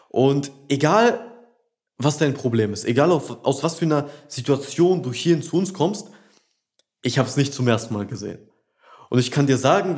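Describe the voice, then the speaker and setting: A man with a medium-pitched, somewhat dark voice speaks as a dating coach, delivering a blunt, direct monologue straight to the listener. He addresses them as "du" and keeps repeating "und, und, und."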